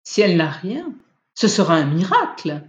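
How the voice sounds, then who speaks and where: A man's voice: high voice, big pitch swings, moderate pace, lo-fi sound. A reader voicing Alain, an anxious young husband fussing over his injured cat, speaking urgently and sharply.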